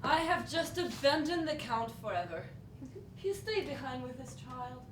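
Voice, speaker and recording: A woman's voice: sits high, expressive, normal speed. A woman acting a flighty young bride in a rambling, mocking monologue on a stage recorded from afar in an echoey room. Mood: giddy. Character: flighty young bride fleeing her count. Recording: echoey noisy stage from far off.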